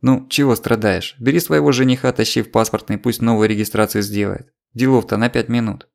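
Reader doing a stern, drily mocking young detective, gravelly, steady. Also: male voice, medium pitch, fairly quick, close to an everyday voice. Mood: dry stern. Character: dry sardonic young male police detective.

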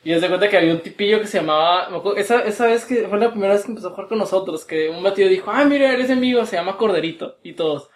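A woman's voice: medium pitch, racing, few pauses. A young woman with a northern Mexican accent, co-hosting a podcast, teasing and slangy, laughing often. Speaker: podcast co-host. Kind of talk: casual chat. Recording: echoey room.

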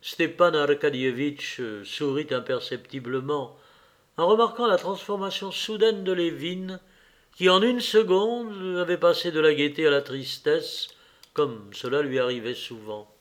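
Brief: male narrator, classic novel reading, measured and even, slightly high pitch. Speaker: audiobook reader.

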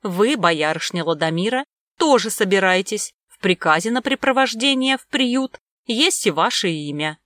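A woman's voice: medium pitch, animated, normal speed, a bit bright, dry recording, lightly acted. Rich: A cold, stern official man who lectures and lays down the law without pity, played by a woman narrator. His voice sits a little raised and firm, set close and dry. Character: stern cold male government clerk.

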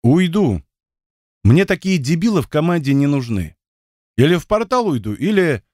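A man's voice: on the high side, very animated, moderate pace, darkish tone, no echo, studio quality. A man reading the part of a young male pilot who firmly breaks up a quarrel. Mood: stern. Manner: firm, commanding.

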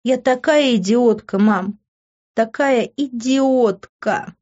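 A woman's voice: a little high, unhurried, dark tone, dull audio. A woman reading an audiobook voices a distraught young woman who is crying on the phone to her mother. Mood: tearful. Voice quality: tearful, hysterical outbursts.

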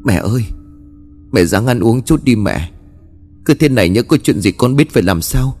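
A man's voice: medium pitch, lively intonation, moderate pace, a little mellow, long reverb tail, faint music behind, natural voice. A man voicing a young grieving son who pleads anxiously with his mother. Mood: pleading.

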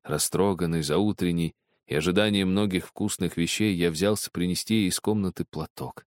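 Man reading a story audiobook, lowish voice, dry close sound. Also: moderate pace, dry recording. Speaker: narrator. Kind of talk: audiobook reading of literary prose.

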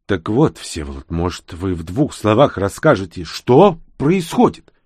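A man voicing a sturdy man of about sixty in an audiobook, polite, formal and unhurried. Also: lowish voice, big pitch swings, darkish tone, slightly rough, no echo, studio quality, heavily acted. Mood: curious. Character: sturdy older man around sixty, composed and curious.

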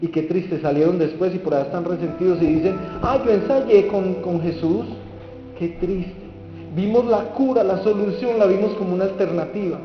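Preacher in an echoing hall. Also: male voice, sits high, a little fast. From Colombia. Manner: lively, acts out the people he quotes, asks the audience questions. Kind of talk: sermon. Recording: dull reverberant hall with faint music.

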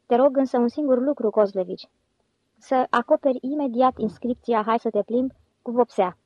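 A woman's voice: on the high side, mellow, dry recording, close to an everyday voice. Ostap, a solemn mock-official con man, as a woman reads him. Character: scheming cool-headed male con man leader. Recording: dull lo-fi audiobook recording.

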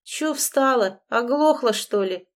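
A woman's voice: on the high side, expressive, slow pace. A woman reading an audiobook, voicing a crude, scruffy young man who sneers in coarse slang. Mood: sneering.

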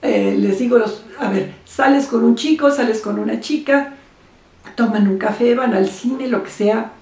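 A woman therapist, giving relationship advice in an animated way and acting out the voices she quotes. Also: fairly high pitch, a little slow, creaky. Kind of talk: advice talk to camera. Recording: roomy echo, speaker far from mic.

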